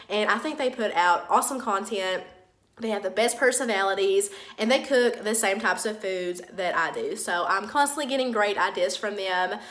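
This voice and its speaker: A woman's voice: mid-range voice, fairly bright tone. A woman hosting her cooking channel, talking in a friendly, chatty way from an empty room that makes her voice echo. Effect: echoey empty-room sound. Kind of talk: casual vlog intro.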